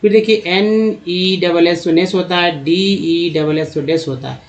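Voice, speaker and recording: A man's voice: high voice, fairly even intonation, measured pace. A man teaching English reading in a Hindi-language phonics lesson, steadily spelling out letter groups and repeating their sounds. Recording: dull lo-fi recording.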